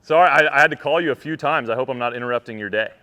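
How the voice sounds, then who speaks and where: A man's voice: mid-range voice, rapid-fire, sharp tone, clean tone. A man hosting a live phone call to tell a winner about her prize, talking in an upbeat, enthusiastic way. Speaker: host calling a prize winner.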